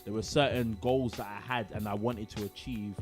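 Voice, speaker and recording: A man, co-hosting a podcast in relaxed, slang-heavy casual chat. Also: on the low side, normal speed, music in the background. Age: 20s. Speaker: podcast co-host.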